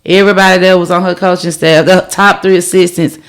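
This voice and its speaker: A woman's voice: fairly low pitch, level tone, fast, clean tone. A middle-aged woman co-hosting a sports podcast, chatting casually and reading out news items with frequent "um"s. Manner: reads headlines with fillers like "um". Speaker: podcast co-host.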